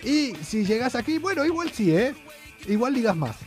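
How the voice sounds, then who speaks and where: Man, accent from Spain, high-pitched, playful and teasing, radio host, faint music. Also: very animated, moderate pace. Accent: Spanish from Spain. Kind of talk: casual chat.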